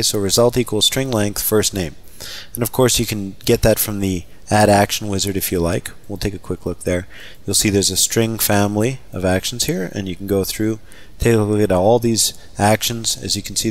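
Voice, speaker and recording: A man teaching a software scripting lesson over a screen recording, talking casually and thinking aloud with fillers as he types. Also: fairly low pitch, fairly even intonation, normal speed. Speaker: software trainer. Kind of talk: screen-recorded coding tutorial.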